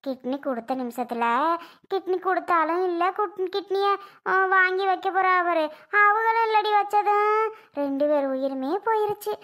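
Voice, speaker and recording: A nosy older aunt from a cartoon, voiced by a woman, blunt and gossipy. Her voice is very high-pitched. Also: expressive, moderate pace, fairly bright tone. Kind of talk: cartoon voice acting.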